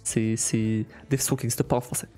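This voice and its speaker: A male streamer in casual live-stream chat, talking in a halting way with many restarts and frequent laughs. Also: medium pitch, flat delivery, dark tone, faint music behind.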